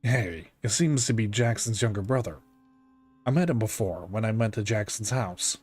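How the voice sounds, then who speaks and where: A man reading game dialogue aloud as a calm, conscientious police detective, in a serious and deliberate way. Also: on the low side, slightly rough, soft background music. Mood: calm, reassuring.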